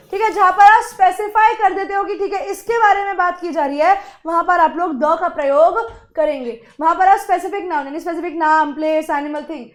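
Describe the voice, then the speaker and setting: A woman teacher explaining a lesson to students, asking questions and answering them herself. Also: very high voice. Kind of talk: classroom lesson.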